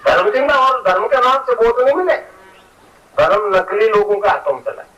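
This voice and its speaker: A man's voice: high-pitched, animated, moderate pace, a bit bright. A man giving an earnest preaching talk as a spiritual teacher, repeating key phrases. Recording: voice heard from a distance.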